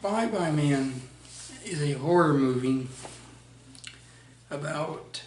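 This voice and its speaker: A man's voice: a little high, expressive, slow pace, darkish tone. A young man giving a casual movie review, blunt and profane, often restarting his sentences. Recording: roomy echo, voice far from mic, faint noise.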